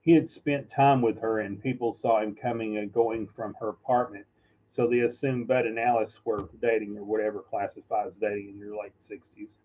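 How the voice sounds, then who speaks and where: A man reading a novel aloud in a halting, unpolished way, often stumbling and correcting himself. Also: lowish voice, level tone, dull audio. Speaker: reader. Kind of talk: amateur audiobook reading.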